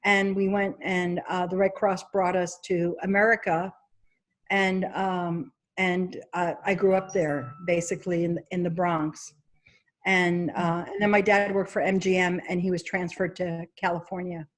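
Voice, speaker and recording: Woman, New York accent, casting director guest, animated, chatty, laughs. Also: on the low side, measured pace. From Egypt. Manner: animated, laughs often, quotes herself. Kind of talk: casual interview chat.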